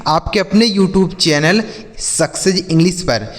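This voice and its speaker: This man's voice is high-pitched and unhurried, trailing a long reverb tail. He hosts a spoken English channel, teaching by spelling words out letter by letter, repeating them, and quizzing his students, whom he calls children, while also calling viewers children and brother.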